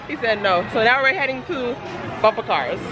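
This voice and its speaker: Casual family vlogger, woman, high voice, chatty, recorded outdoors in a very noisy crowd. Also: fairly quick, music in the background. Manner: chatty, checks on children. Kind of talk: casual vlog narration to camera. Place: outdoors at an amusement park. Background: loud crowd and ride noise.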